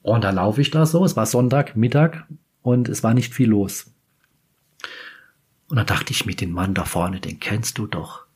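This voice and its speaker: A man's voice: fairly low pitch, moderate pace, pauses often, darkish tone, slightly rough. A man from Kaiserslautern in Germany, a podcast host, telling a personal story in a chatty, meandering way and often correcting himself mid-sentence. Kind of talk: casual storytelling anecdote.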